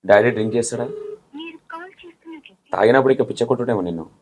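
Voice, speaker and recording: A man's voice: mid-range voice, quick pace, darkish tone, a little hiss or hum. A man, bluntly pressing and scolding his interview guest with pointed questions. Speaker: interview anchor.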